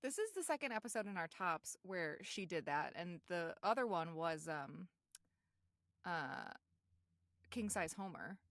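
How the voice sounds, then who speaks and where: A woman co-hosting a casual podcast, talking in a relaxed way and laughing often. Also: lowish voice, a little slow, dry recording, clean studio sound. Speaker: podcast co-host.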